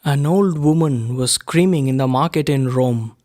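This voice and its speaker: A man reading a first-person story aloud in a measured, unhurried way. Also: mid-range voice, a little mellow. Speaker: reader of a story.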